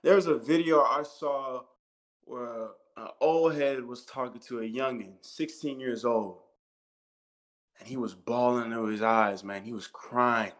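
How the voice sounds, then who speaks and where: A man's voice: medium pitch, fairly even intonation, a little slow, fairly bright tone, low-quality recording. A man in his thirties with an American accent, co-hosting a podcast discussion, talking emphatically, repeating himself and swearing freely. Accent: American English. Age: 30s. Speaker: podcast co-host. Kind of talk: impassioned casual discussion.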